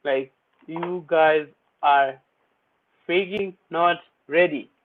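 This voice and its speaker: A young man with a very slow, high-leaning voice hosts an online poetry open mic, chatty and playful, blending English with Swahili slang. It's casual livestream hosting, and the audio sounds tinny, like a phone.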